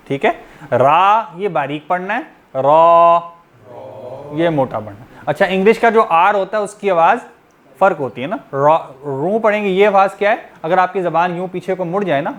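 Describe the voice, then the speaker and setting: A man leads a tajweed class, his voice slightly higher than most men's. He explains patiently and stretches out each letter sound as he demonstrates it. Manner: patient, explanatory, often checking in with "theek hai". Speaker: tajweed teacher.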